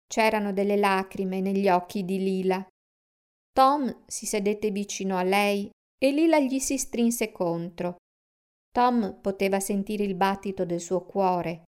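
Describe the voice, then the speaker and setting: Slow, smooth-voiced woman reading a storybook. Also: medium pitch, steady tone. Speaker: narrator. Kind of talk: storybook read-aloud.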